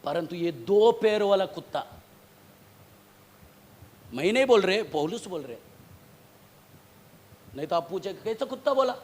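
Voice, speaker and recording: A male pastor preaching a sermon. He repeats phrases, questions the congregation, and swings from loud outbursts to low asides. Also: expressive, takes it slowly, pauses often. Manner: questions the congregation and tells them to read aloud.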